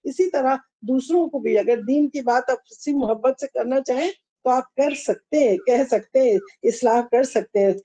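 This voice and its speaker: A woman giving a religious talk in an earnest, pleading way, gently urging her listeners. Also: high voice, dry recording, rough recording. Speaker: religious lecturer.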